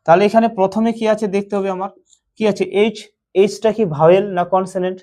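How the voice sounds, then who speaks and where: In a slow English pronunciation lesson, a man with a Bengali accent repeats himself and asks his own questions before answering them. His voice sits high, with a steady, warm tone.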